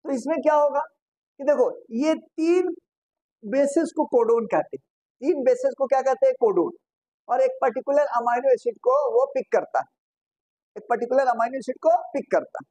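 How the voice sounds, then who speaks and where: A woman's voice: sits high, moderate pace, warm tone, husky, dry recording, rough recording. A woman teaching a biology lesson at the board, repeating key terms and quizzing the class with rhetorical questions, slipping English phrases in. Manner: mixes English phrases into Hindi.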